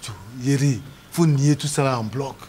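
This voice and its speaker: A man's voice: mid-range voice, normal speed, a little mellow, a little hiss or hum, close to an everyday voice. An actor with an Ivorian French accent playing a blunt, scheming male friend. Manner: conspiratorial advising. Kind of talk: TV drama acting.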